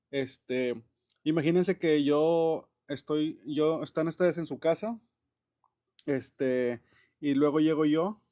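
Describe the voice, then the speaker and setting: A man with a slightly high voice explains grammar to his class in a loose, friendly classroom manner. He keeps restarting his sentences and filling pauses as he goes. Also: warm tone. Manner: chatty, many fillers and restarts, laughs often. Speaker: English teacher.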